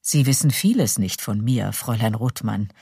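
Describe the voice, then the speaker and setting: Courteous young gentleman, late twenties, read by a woman in a lowered, dark, husky, soft-spoken audiobook voice. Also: expressive, normal speed, no room sound, clean studio sound, exaggerated voice.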